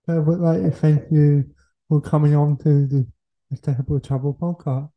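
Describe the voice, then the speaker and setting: A man hosting a casual podcast interview in halting, fragmented phrases. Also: on the high side, fairly even intonation, muffled recording. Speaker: podcast host.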